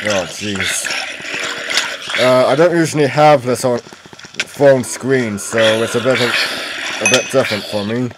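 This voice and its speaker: A man narrates his own gaming in a casual, rambling way, thinking out loud at a slow pace. His voice sits at a middle pitch. There is clear game noise behind him. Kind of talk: casual gameplay commentary. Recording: noisy game audio behind voice.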